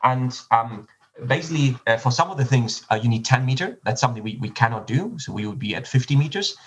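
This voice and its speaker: A man's voice: medium pitch, expressive, fast, rough recording. A man from Germany with a German accent, a startup CEO answering podcast interview questions in a technical, explanatory way with frequent restarts and fillers.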